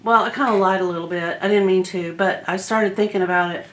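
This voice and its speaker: Female home vlogger, mid-pitched, informal and chatty, talking straight to viewers in a very echoey room. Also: steady tone, fast talker. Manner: rambling, informal, addresses viewers directly. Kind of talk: casual chatty home vlog. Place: indoors, emptied rooms of a house.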